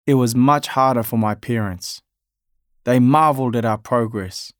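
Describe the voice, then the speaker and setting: A man from Afghanistan narrating his family's story in a measured, reflective way. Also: mid-range voice, dry recording, clean studio sound.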